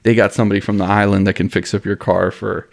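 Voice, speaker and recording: Fast-talking and a bit creaky, a young man from Miami of Honduran family co-hosts a relaxed podcast chat. His fairly low voice stays flat as he laughs easily and leans on "dude" and "you know."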